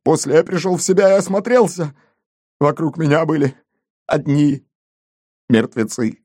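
A man voicing an excitable, wounded male gendarme who boasts and shouts in a storybook reading. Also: fairly high pitch, measured pace, no room sound, clean studio sound, pitched above the performer's own voice, lightly acted. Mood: panicked boasting.

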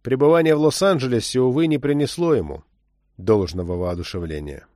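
Steady male audiobook narrator. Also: mid-range voice, a little fast, no room sound, clean studio sound. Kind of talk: scripted narration.

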